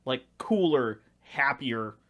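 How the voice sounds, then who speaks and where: A man's voice: medium pitch, lively intonation, slow pace, bright, forceful tone. A young man chatting as a podcast guest, rambling with many likes and restarts. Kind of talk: casual chat.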